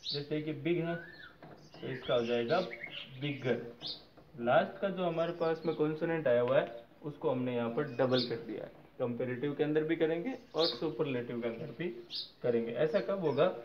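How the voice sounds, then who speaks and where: A man's voice: on the high side, moderate pace. Man teaching English grammar, dull recording. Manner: checks in with viewers often; spells out word endings letter by letter. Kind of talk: explaining grammar lesson. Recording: slightly dull recording with faint noise.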